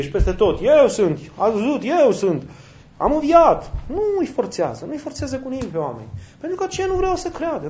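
A man's voice: on the high side, darkish tone, muffled recording. A man preaching a sermon in a conversational way, asking rhetorical questions and acting out short quotes.

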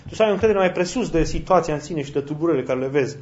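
A man's voice: a little high, lively intonation, darkish tone, muffled recording, a little hiss or hum. A man preaching a sermon in a conversational way, asking rhetorical questions and acting out short quotes.

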